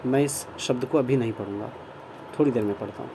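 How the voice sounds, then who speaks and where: A man giving a grammar lesson, explaining in Hindi and reading sentences out slowly, word by word. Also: medium pitch, noisy background. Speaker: English grammar teacher. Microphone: phone screen recording.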